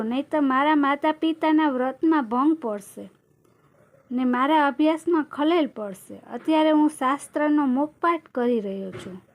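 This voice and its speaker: A serene divine youth disturbed in meditation speaks with quiet urgency, voiced by a woman telling a devotional tale. The voice is high and plainly told, not deepened. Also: close to an everyday voice. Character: divine young male god, calm scholarly.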